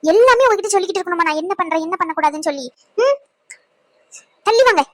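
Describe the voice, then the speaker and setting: A woman's voice: very high-pitched, animated, very fast, no room sound. A woman voicing a defensive young woman friend in a cartoon, protesting and pleading. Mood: indignant. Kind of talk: cartoon voice acting.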